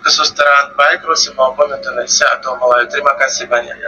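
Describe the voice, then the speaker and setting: A man's voice: medium pitch, steady tone, quick pace, distant mic, highs cut off, background noise. A young man with a Russian accent, a foreigner speaking careful, formal Indonesian as he puts a question at an event. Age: young adult. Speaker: university student asking a question.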